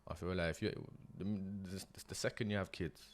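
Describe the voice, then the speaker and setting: A young man with a low voice talks in a relaxed interview. His speech is slangy and earnest, full of small restarts and tag questions. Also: moderate pace. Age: young adult. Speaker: guest, property investor. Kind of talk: casual interview chat.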